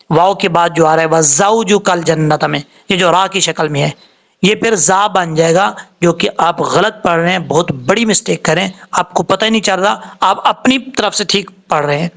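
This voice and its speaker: A man teaching a tajweed lesson, spelling out letters and vowel marks before he draws the recited words out slowly. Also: on the high side, fairly bright tone. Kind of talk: slow step-by-step tajweed lesson.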